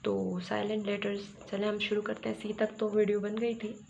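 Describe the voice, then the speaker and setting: A Pakistani woman teaches an English grammar lesson, repeating words and posing questions she then answers herself. Her mid-range voice is gravelly and a little mellow, delivered flatly at a normal speed. The recording sounds dull and slightly noisy.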